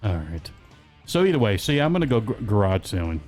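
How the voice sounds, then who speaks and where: A man's voice: on the low side, big pitch swings, fast talker, a little mellow. Guy cohosting a chatty podcast, jokey and rambling, faint music under it. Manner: joking, rambling, lists things off. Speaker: podcast co-host. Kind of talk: casual chat. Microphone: webcam setup.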